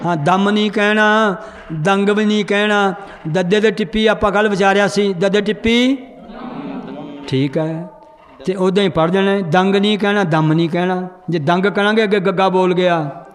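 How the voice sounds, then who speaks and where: High-voiced man teaching in an echoing hall. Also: steady tone, normal speed, soft background music. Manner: quizzes the class and corrects their reading. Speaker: scripture pronunciation teacher. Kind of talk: teaching a recitation class. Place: large hall with a seated congregation. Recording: long hall reverb.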